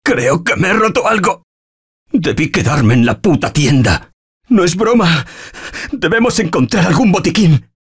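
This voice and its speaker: A man with a Castilian Spanish accent playing an anxious everyman zombie-apocalypse survivor in a video game, emotive and slangy, with a husky voice. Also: sits high, sing-song, unhurried, exaggerated voice. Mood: hurt, weary.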